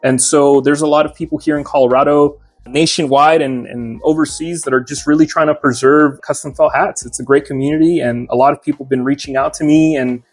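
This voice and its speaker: A young man talks through how he makes things in a relaxed, unhurried way, dropping plenty of fillers as he goes. His voice sits a little on the high side. Soft music plays underneath. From Mexico. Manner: relaxed, many "uh" fillers, explains his craft step by step. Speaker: hat maker and shop owner. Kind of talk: casual interview.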